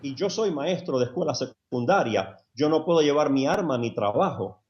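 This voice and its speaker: A man, a high school teacher appearing as a guest on a live news debate, speaking emphatically at an uneven pace. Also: animated, moderate pace. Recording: dull lo-fi remote feed.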